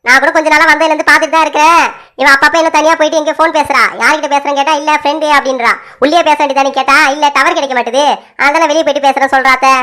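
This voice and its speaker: A suspicious, gossiping daughter-in-law in a family drama, as a woman puts her on. She speaks in a confiding way, in a very high, bright voice. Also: steady tone, rapid-fire. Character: suspicious young wife, gossiping to mother-in-law.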